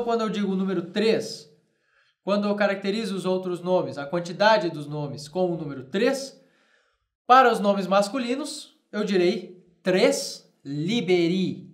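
A man teaching a Latin grammar lesson, explaining slowly and repeating each form while checking that students follow. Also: high voice, roomy sound. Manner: slow and deliberate, repeating forms and checking with "tá?".

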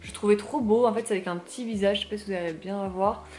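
A woman's voice: mid-range voice, steady tone, quick pace, darkish tone, soft background music. A young woman chatting casually through a shopping haul vlog, with many fillers and self-mocking asides. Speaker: vlogger.

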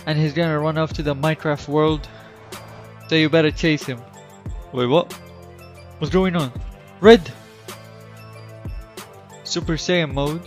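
Excitable high-voiced young gamer guy. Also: moderate pace, pauses often, faint music behind. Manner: loud, swearing, excitable. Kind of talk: excited gaming commentary.

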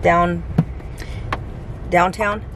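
A woman's voice: fairly low pitch, level tone, very slow, background noise. A woman talking casually to her camera in a home vlog. She rambles, restarts sentences and searches for words as she goes. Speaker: vlogger. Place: at home, then in a car.

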